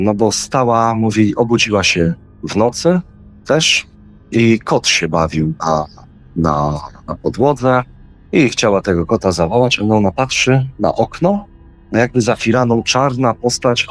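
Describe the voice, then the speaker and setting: Male guest, low voice, rambling casual storyteller, faint music bed. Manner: rambling, acts out his own quoted words. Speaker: guest telling a personal experience.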